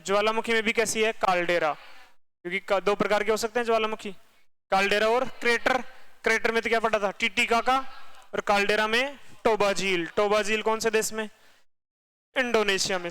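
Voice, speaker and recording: A man teaching a geography class, firing quick questions at his students and repeating the answers himself. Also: high voice, bright, forceful tone, clear, resonant tone, rough recording.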